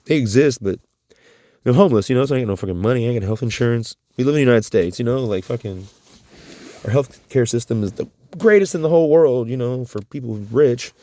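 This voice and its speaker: A man venting in a rambling, swear-heavy confessional vlog. His voice has a dark, mellow timbre that rises sharply when he is upset. The recording is close and dry. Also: quick pace, no room sound. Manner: rambling, profane and agitated; voice climbs high when upset.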